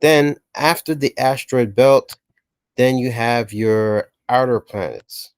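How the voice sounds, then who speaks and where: A man's voice: medium pitch, steady tone, slow pace, smooth, dry recording. A man explaining a science reference table as a teacher, talking casually and often checking in with "okay" and "right". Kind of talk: explainer lesson narration.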